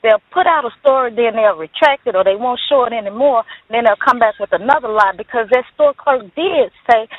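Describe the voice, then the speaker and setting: A woman's voice: on the high side, brisk, hardly any pauses, no echo. A woman calling in to a radio talk show, speaking earnestly and emphatically over a crackly phone line that fades in and out. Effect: crackly phone line, fading in and out. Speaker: caller. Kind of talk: call-in radio chat.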